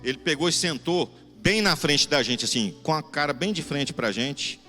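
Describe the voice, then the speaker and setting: A man with a Goiás accent preaching in a church, telling a testimony in an animated, conversational way to the congregation. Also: on the high side, normal speed. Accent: Goiás Brazilian Portuguese. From Goiás, Brazil. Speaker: guest preacher. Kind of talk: sermon testimony storytelling. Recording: church hall reverb, faint music.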